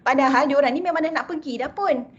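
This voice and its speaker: A woman giving a lively talk on mental health, chatty, tagging her sentences with "ha" and "kan" and slipping English phrases in. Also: high-pitched, fast, highs cut off.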